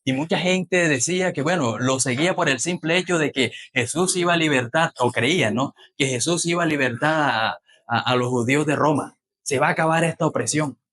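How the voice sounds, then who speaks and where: Male preacher with a high voice; delivers a lively sermon and questions the congregation. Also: normal speed. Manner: animated, retelling scripture.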